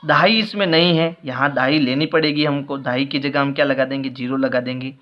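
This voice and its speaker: A man's voice: mid-range voice, fairly even intonation, a little fast. Patient male maths teacher, dull audio. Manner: patient step-by-step explaining, repeating answers. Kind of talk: worksheet explanation lesson.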